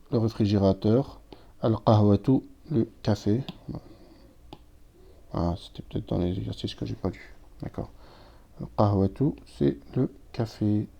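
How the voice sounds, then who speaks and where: This Arabic teacher's voice is fairly low, creaky and dark. He leads a recorded language lesson with patient, step-by-step explanations, reading out words alongside their translations, and the audio comes across dull and lo-fi.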